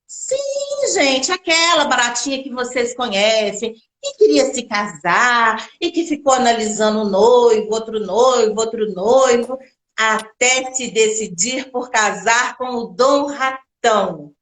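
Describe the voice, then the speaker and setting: A woman teacher and storyteller telling a children's folktale live, animated and talking straight to her audience. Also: on the high side, takes it slowly. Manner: animated, addresses the audience directly. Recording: echoey room.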